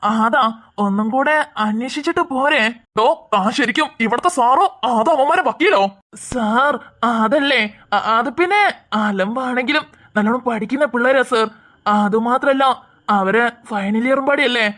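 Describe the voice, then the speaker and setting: A woman's voice: a little high, moderate pace, a bit bright. A woman voicing a pleading college student. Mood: persuasive. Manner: pleading, apologetic. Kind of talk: Malayalam cartoon voice acting.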